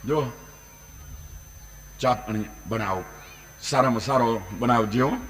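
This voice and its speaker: A man voicing an eager, bossy village devotee who gives hurried orders to his wife in a folk tale. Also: medium pitch, fairly bright tone, pitched below the performer's own voice. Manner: commanding, hurried.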